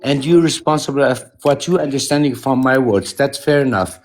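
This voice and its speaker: A man's voice: medium pitch, a little fast. Hesitant Lebanese man sharing views. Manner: hesitant, many fillers. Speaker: caller. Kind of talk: hesitant opinion on a live stream.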